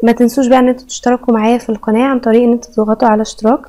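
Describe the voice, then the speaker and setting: A woman teacher with an Egyptian Arabic accent, patiently going through a children's English textbook and repeating each word slowly. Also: a little high, little pitch movement, mellow, low-quality recording.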